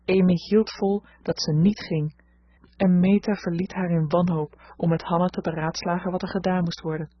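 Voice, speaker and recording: A woman narrating a storybook in a steady, even reading voice, recorded close and dry. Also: fairly low pitch, normal speed, husky, dry recording. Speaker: audiobook reader. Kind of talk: scripted narration. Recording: dull lo-fi recording.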